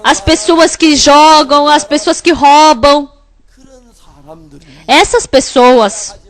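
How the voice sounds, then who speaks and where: A woman with a high voice interprets a sermon phrase by phrase. Her delivery is emphatic and repetitive, and it follows a preaching cadence. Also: slow pace.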